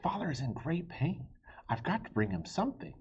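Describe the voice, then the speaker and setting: An earnest, worried young storybook boy, acted out by a man, speaking in a high, lifted pitch. The delivery swings widely, with a slightly rough edge. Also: big pitch swings, fairly quick, a little mellow, muffled recording, exaggerated voice. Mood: frightened, urgent. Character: anxious, earnest young boy, a knight's son. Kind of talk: read-aloud storybook character voice.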